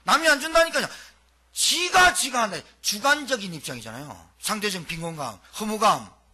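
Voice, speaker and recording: A middle-aged male pastor preaching a sermon, asking rhetorical questions and swinging between loud emphatic lines and quiet ones. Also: sits high, expressive, normal speed.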